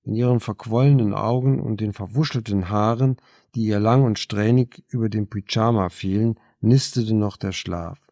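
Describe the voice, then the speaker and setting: Low, gravelly male audiobook narrator. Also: normal speed, mellow, no room sound, clean studio sound. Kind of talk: scripted narration.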